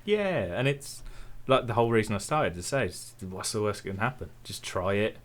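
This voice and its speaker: Speaking fairly low and at an ordinary speed, a young Midlands-accented man guests on an interview as a tech YouTuber. His conversation is relaxed and chatty, with a self-deprecating streak.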